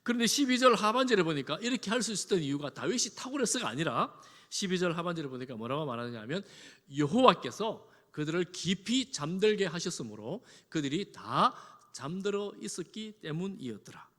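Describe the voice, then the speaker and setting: A man's voice: high voice, big pitch swings, fairly quick, a bit bright. A male pastor preaching a sermon, dramatically acting out quoted lines with a raised voice. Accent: Korean. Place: large church hall. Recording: long church hall reverb.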